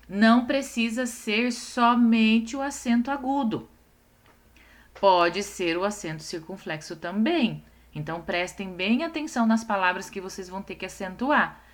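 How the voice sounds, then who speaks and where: A woman in a recorded class for young children, speaking at a middle pitch. She is patient and explains one step at a time, drawing words out slowly to stress each syllable and often pausing to check that the children follow. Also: fairly bright tone. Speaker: primary school teacher.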